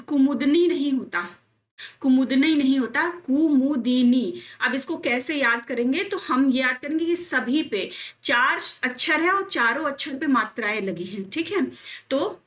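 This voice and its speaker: A young woman teacher, drilling exam spellings by repeating each word slowly. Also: high voice, bright, forceful tone. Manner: calls students friends and children, coaxing. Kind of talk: exam-prep spelling lesson.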